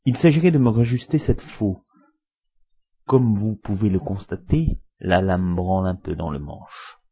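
A man voicing a gaunt, grey-haired male stranger who speaks calmly and gravely. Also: lowish voice. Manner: calm, flat, unhurried. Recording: muffled lo-fi recording.

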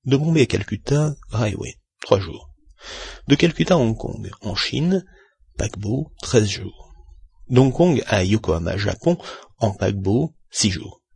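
A man reading an eager gentleman who briskly lists a travel timetable in an audiobook. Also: fairly low pitch, lively intonation, creaky, breathy edge, no echo, exaggerated voice. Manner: brisk, enumerating.

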